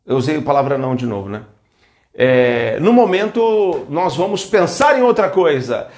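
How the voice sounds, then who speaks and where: Man, host, lively casual advice, high voice, many restarts. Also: moderate pace. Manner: animated, restarts, acts out parent and child quotes. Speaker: host giving parenting advice.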